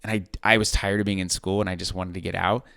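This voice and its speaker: A man's voice: sits low, flat delivery, fast talker, vocal fry, sharp tone, no room sound, studio quality. A man hosting a podcast, chatting casually with his guest and laughing easily. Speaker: podcast host. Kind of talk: casual interview chat.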